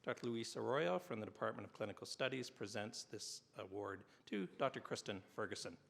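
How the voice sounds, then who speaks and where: A man's voice: on the low side, animated, fairly quick, creaky, heavy background noise. A man presenting awards at a university ceremony, reading formal citations with the odd "uh" and a dry aside about himself. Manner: reads citations with filler "uh"s, adds dry self-deprecating asides. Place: large hall at a university convocation. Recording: long hall reverb.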